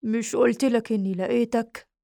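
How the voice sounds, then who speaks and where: A woman's voice: fairly high pitch, fairly even intonation, normal speed, creaky, mellow, dry recording, studio quality. A smug police captain, read by a woman. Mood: mocking.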